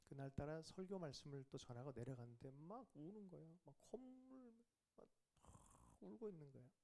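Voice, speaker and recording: A man preaching a revival sermon with a warm, relaxed tone. His pitch rises and falls with great animation. He keeps asking the congregation questions and sometimes drops to a whisper for a quiet aside. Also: normal speed, vocal fry. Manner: questions the congregation and asks for replies. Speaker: pastor.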